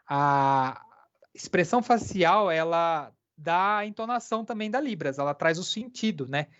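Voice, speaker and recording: An interpreter voicing a deaf lecturer live, speaking haltingly with many filler pauses. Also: mid-range voice, expressive, a bit bright, smooth, highs cut off.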